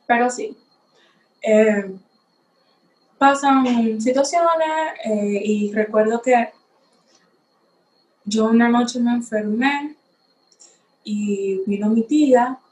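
A woman's voice: fairly high pitch, darkish tone, reverberant, low-quality recording. A nineteen-year-old woman from the Republic, hosting a podcast and giving a personal faith testimony in a reflective, slightly unsure way while facing a camera. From Dominican Republic. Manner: unhurried, reflective, a little unsure. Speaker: podcast host.

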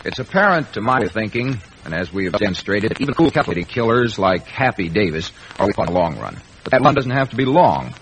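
A man's voice: on the low side, sing-song, a little fast, few pauses, a bit bright. An American man giving an earnest, oratorical scripted moral address on old-time radio. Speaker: actor giving closing address. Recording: noisy vintage radio recording.

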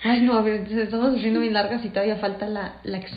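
A woman's voice: mid-range voice, fast talker. A young woman with a Mexican accent, telling a story in casual, laughing chat. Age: young adult. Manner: animated, laughing, slangy. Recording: roomy, slightly dull recording.

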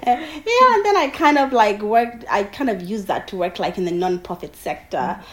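A young woman from Uganda chats as an interview guest over an online call. Her talk is relaxed and conversational, with many fillers and easy laughter. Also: medium pitch, moderate pace, rough recording.

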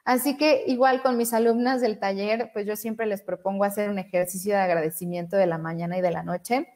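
A woman's voice: medium pitch, fairly even intonation, fairly quick, darkish tone. A woman hosting a motivational live stream, encouraging viewers and reading out their comments. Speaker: live stream host and coach.

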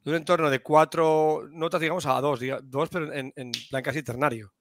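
A male host in a casual interview chat, mostly giving brief agreeing replies with a few quick follow-ups, heard over roomy remote call audio. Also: on the high side, fairly even intonation, clean studio sound.

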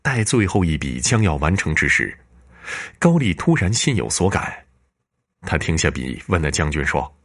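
A man narrating a storybook tale in an expressive, dramatic way. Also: rumbling low, moderate pace.

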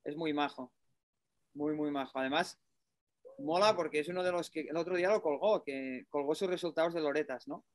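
A man's voice: fairly high pitch, fairly quick, no room sound. A man with a Spanish accent from Spain chatting casually and colloquially about sports, offering his opinions.

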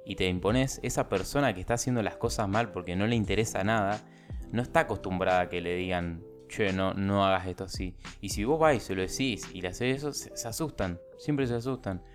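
A man with a Buenos Aires accent telling a story casually on a podcast, animated and acting out what people said. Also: on the low side, brisk, faint music behind. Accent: Argentine, Buenos Aires. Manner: animated, acts out the dialogue of people in his story. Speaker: podcast host.

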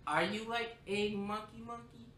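A player in a tabletop game, playful and quick to laugh. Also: mid-range voice, fairly even intonation, bright, forceful tone, roomy sound. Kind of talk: casual tabletop play.

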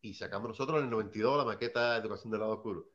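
A man's voice: fairly low pitch, very fast, a bit bright. Rambling man, muffled sound. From Seville, Spain. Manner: rambling, tags lines with "¿sabes?". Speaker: early hip hop artist. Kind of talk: casual anecdote-telling.

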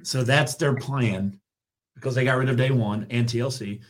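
A man's voice: medium pitch, normal speed. A man on a podcast telling wrestling stories in casual chat, swearing freely and mimicking other people. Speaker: podcast co-host.

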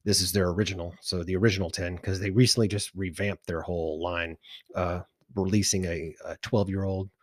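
A low-voiced man chatting casually on a podcast, spinning animated stories and slipping into the voices of the people in them. The sound is dry and close, with no room around him. His talk rambles easily, full of asides. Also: a little fast, no echo. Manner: animated storyteller, acts out quoted voices. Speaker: podcast co-host. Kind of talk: casual chat.

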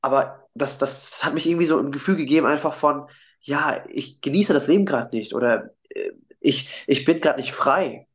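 A man's voice: fairly high pitch, moderate pace. A German-born man, a singer, talking earnestly and hesitantly in a casual interview, with many fillers and restarts, heard over a video call.

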